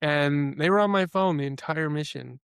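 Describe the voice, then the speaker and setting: A man's voice: a little high, normal speed, gravelly, fairly bright tone, clear, resonant tone, no echo, studio quality. A young man co-hosting a podcast in a casual, chatty way, sharing opinions and filling his talk with "like". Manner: chatty, opinionated, heavy use of "like". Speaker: podcast co-host. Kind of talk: casual chat.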